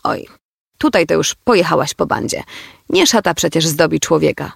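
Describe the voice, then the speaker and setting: A man voicing an easygoing middle-aged father who speaks calmly and a little philosophically. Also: on the high side, moderate pace, vocal fry, husky, no room sound, studio quality, exaggerated voice. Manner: calm, philosophical, teasing.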